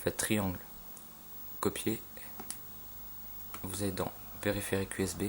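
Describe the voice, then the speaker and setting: A man casually talking through a game tutorial, halting with fillers and loose slang, filmed on a phone at a home computer. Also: low voice, flat delivery. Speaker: gaming tutorial maker. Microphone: phone filming a screen. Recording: phone recording with faint room noise.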